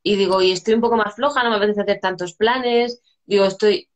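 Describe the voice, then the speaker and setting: A woman's voice: mid-range voice, fairly even intonation, a little fast. A woman from chatting casually about parenting, telling family anecdotes with lots of restarts and "¿sabes?". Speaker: psychologist and co-host of live chat. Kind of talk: casual live-stream chat on parenting.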